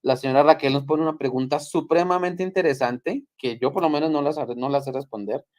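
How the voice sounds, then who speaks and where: A man's voice: fairly high pitch, a little fast, darkish tone, no echo. A Colombian man hosting a live-stream discussion, agreeable and affirming, speaking steadily over a video call. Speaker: host.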